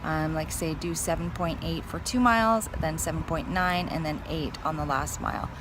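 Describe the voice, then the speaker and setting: A woman's voice: sits low, moderate pace. A woman chatting casually to viewers as a fitness vlogger, thinking aloud in a hesitant, musing way. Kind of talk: casual vlog chat to camera. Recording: clear vehicle and outdoor noise.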